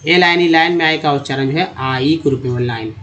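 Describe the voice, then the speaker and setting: A man's voice: fairly high pitch, steady tone, fast, fairly bright tone. A man teaching English reading, explaining slides step by step, repeating example words and addressing viewers as friends.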